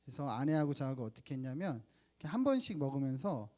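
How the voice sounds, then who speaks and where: A man's voice: medium pitch, sing-song, fast, mellow. A man in his thirties preaching a sermon at church, telling personal stories and asking the congregation questions. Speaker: pastor. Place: church sanctuary.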